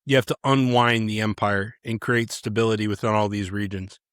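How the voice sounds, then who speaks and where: A man's voice: on the low side, fairly even intonation, brisk, a bit bright, clean tone, dry recording, studio quality. A man co-hosting a podcast in a casual political debate, cutting in and lecturing his co-host. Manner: argumentative, interrupting, lecturing.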